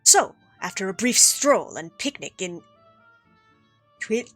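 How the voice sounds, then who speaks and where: Courtly young prince with a put-on Spanish accent, read by a woman, bright and crisp, faint game music under. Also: medium pitch, sing-song, slow pace, exaggerated voice. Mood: storytelling. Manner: formal, flowery, gracious. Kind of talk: reading game dialogue aloud.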